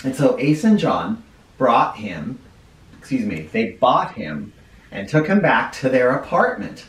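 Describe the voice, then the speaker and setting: A medium-pitched male teacher of first graders reads a story expressively, his voice lilting up and down, and pauses to define words for the kids. The distant mic captures a roomy, echoing sound.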